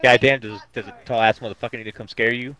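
A man's voice: mid-range voice, steady tone, fast, pushed and bright, lo-fi sound. A man in casual gaming chat, exasperated and swearing at the game. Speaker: gamer.

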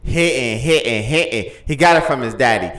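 A man's voice: medium pitch, fairly quick, a bit bright, reverberant. A middle-aged man hosting a podcast, joking and laughing in casual banter. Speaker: podcast host. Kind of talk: casual chat. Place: studio room with large headset-style mic. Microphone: close boom mic.

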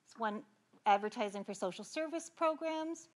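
A woman's voice: fairly high pitch, animated, moderate pace. A middle-aged woman from Canada giving a conference keynote address, talking earnestly and conversationally with frequent restarts. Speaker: keynote speaker. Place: large convention hall.

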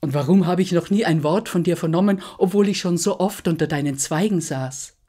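A woman voicing a brave, quick-tempered young male hunter in a spoken fairy tale. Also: sits low, expressive. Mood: wondering. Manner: indignant, outraged.

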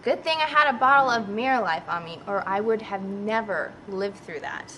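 A woman's voice: medium pitch, moderate pace, close to an everyday voice. A young woman playing a catty, jealous girlfriend telling her story as a sassy testimonial. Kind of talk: mock testimonial. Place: outdoors. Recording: faint outdoor background noise.

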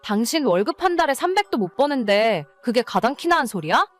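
A woman's slightly high voice comes across very animated and fairly quick as she acts out a scripted, dramatized tale, soft music playing beneath. Her character is an irritated wife who keeps scolding and nagging an irresponsible husband, in both narration and dialogue.

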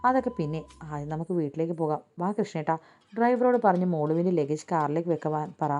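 A woman reading a fussing middle-aged mother, caring and insistent. Her voice is warm and mellow with a motherly push. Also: deep voice, lively intonation, fast.

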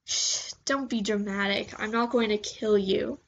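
A woman voicing a menacing young male fire villain in a low, bored tone. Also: steady tone, measured pace, vocal fry, lo-fi sound, slight background noise. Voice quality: low, sinister.

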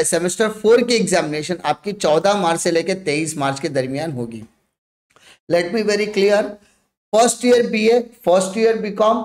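A young man tutoring students online, explaining exam schedules and repeating dates and points for emphasis. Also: high voice. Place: indoor room, screen-share with face in corner.

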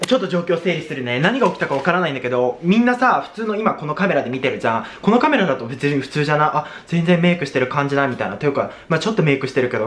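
A man's voice: a little high, a bit bright. A young man chatting casually in a makeup vlog, with theatrical exclamations and exaggerated, girly Japanese gyaru slang. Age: young adult. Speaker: video host. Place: small plain indoor room.

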